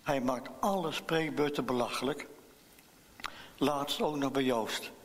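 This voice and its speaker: A man's voice: mid-range voice, a little slow, slight background noise, close to an everyday voice. A man putting on a sulky little girl, echoey church hall. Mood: upset. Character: sulky anxious young schoolgirl.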